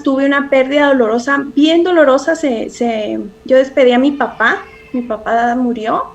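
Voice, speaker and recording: Her voice sits high as she talks parenting in a podcast interview, appearing as the expert. Earnest and thoughtful, she keeps starting phrases over and tends to add tag questions.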